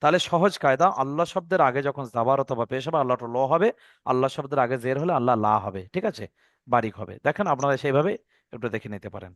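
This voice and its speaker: A man's voice: mid-range voice, expressive, fast, no echo, clean studio sound. A man teaching Quran recitation rules, explaining patiently and repeating each point. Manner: patient, repeats rules step by step, checks understanding. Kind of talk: online Quran reading lesson.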